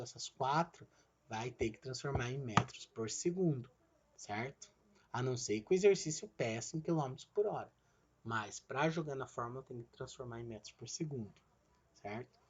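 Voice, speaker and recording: A man's voice: mid-range voice, husky. A male physics teacher gives a recorded online lesson. He explains each step and checks in with "né?" and "certo?", and he calls himself the teacher in the third person.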